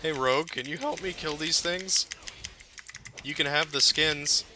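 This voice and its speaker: Sharp-voiced man swearing through gameplay. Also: a little high, a little slow, slight background noise. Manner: profane, jokey, talks to the game characters. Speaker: gameplay commentator. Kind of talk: casual playthrough commentary.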